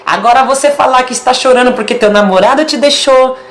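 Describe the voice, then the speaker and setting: A woman's voice: high-pitched, fast. A woman with a Brazilian Portuguese accent giving a casual video sermon, emphatic and stacking short repeated phrases.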